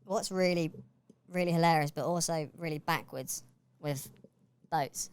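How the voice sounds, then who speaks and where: A British man hosting a casual podcast chat, his voice altered with a chipmunk-like pitch shift. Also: measured pace, smooth, no room sound. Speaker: podcast host.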